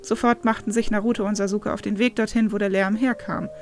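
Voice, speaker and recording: A woman narrating fan fiction aloud at an even storytelling pace. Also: medium pitch, a little fast, faint music behind.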